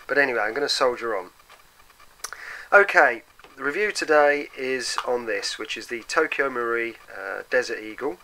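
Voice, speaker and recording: A man with a gravelly voice, roughened by a bad cold and sore throat, giving a casual, explanatory hands-on product review. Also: expressive, normal speed, sharp tone, a little hiss or hum, low-quality recording. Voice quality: gravelly, deeper than usual from a cold. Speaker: product reviewer for an airsoft custom shop.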